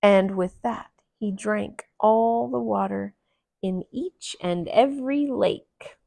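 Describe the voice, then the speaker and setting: A woman reads a children's picture book aloud in a deliberate, expressive storyteller's style. Her voice is medium-pitched and gravelly, with no room sound.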